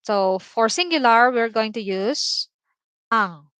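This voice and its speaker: A woman with a Filipino accent teaching a language lesson on a livestream, explaining slowly with many repeated examples and tag words. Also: medium pitch, a bit bright, clean tone, dry recording. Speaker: Tagalog teacher.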